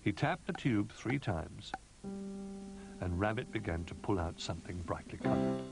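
A man with a lowish voice reads a children's storybook aloud, his pitch swinging widely in a sing-song way. Music plays clearly under the narration. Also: sing-song, measured pace.

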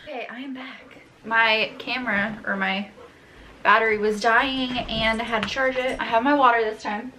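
A woman's voice: fairly high pitch, fairly even intonation, normal speed, sharp tone, slight background noise. A young woman vlogging a casual pregnancy update from home to a camera on a tripod, a little short of breath and chatty, with many ums and likes.

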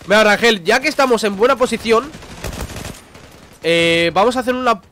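Spanish guy from spain yelling through a shooter game, high jumpy voice, gunfire going off behind. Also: moderate pace, slight background noise. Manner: excitable, exclaiming and talking to himself. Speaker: gaming youtuber. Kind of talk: live gameplay commentary. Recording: gameplay audio with gunfire behind.

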